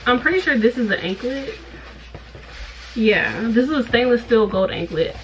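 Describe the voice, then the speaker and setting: A woman's voice: fairly high pitch, animated, moderate pace, a little hiss or hum, poor audio. A woman, chatting casually to viewers in a vlog from her college apartment bedroom. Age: 20s. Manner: chatty, addresses viewers as y'all. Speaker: vlogger.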